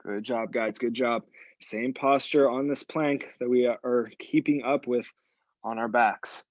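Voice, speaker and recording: Unhurried and steady in tone, a male instructor with a mid-range voice leads a live workout class on a dry, lo-fi recording. Audibly sighing from exertion, he calls out the moves and encourages the group by repeating brief praise.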